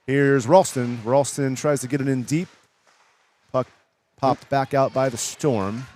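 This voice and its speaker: A man doing live play-by-play commentary for a hockey game, brisk and rising in pitch on the big plays. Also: fairly even intonation, darkish tone, a little hiss or hum.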